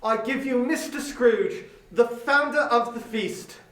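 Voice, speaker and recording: A man playing a kindly, gentle Victorian father in a dramatic story reading, mild and earnest in manner, recorded with some distance. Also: very high-pitched, unhurried. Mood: cheerful toast. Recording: roomy echo, distant from microphone.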